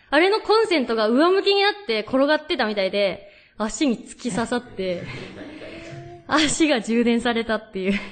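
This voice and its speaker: A young woman hosts a radio talk show in a chatty, storytelling way, reading listener letters between anecdotes. Her voice sits high and moves animatedly up and down.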